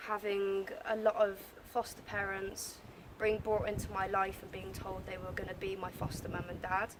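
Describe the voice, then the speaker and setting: A woman's voice: medium pitch, monotone, moderate pace, background noise. A woman of twenty, a care leaver, talking earnestly to camera about her life. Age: 20s. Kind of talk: interview to camera.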